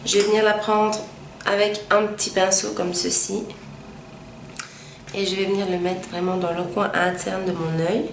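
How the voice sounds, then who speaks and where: A woman's voice: mid-range voice, little pitch movement, moderate pace, gravelly. A young woman casually talking through a makeup tutorial step by step, with many small hesitations. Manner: chatty, frequent hesitations, step-by-step explaining. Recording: echoey room with faint ambient noise.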